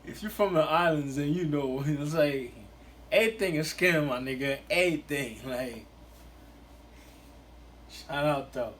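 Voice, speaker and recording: A man's voice: fairly high pitch, measured pace, long pauses, fairly bright tone, slight background noise. Slangy laid-back man from Haiti. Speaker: reaction video host. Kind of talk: casual reaction commentary.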